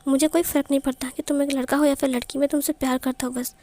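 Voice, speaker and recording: A woman voicing a calm, devoted young man who speaks gently and soothingly. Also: high voice, rapid-fire, slight background noise. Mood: gentle.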